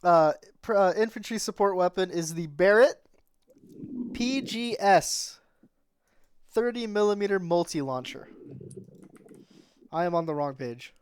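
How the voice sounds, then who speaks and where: A man's voice: high voice, animated, unhurried, pauses often, a little hiss or hum. A man chatting casually with friends on a voice call, wry and joking. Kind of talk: casual group chat on a voice call.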